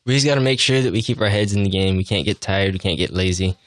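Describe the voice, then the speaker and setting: Low-voiced young man in sports interview. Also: fast talker, no room sound. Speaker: football player being interviewed. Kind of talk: casual sports interview answers.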